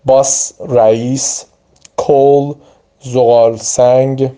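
A man's voice: mid-range voice, level tone, warm tone. A man teaching English vocabulary, giving each word and its meaning and stressing how to pronounce it. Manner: explains word by word, stressing pronunciation. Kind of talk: vocabulary lesson.

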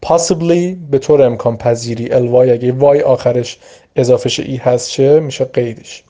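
A man with a very dark, mellow voice gives an English vocabulary lesson. He explains patiently and drawls out each example word. His first language is Persian. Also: mid-range voice, fairly even intonation. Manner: explains slowly, stretching out example words. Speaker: English teacher.

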